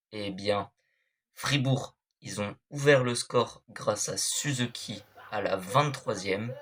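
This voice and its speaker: A man's voice: lowish voice, a bit bright. A young man hosting an esports club show, giving a casual, hesitant recap of football matches with many fillers and apologies.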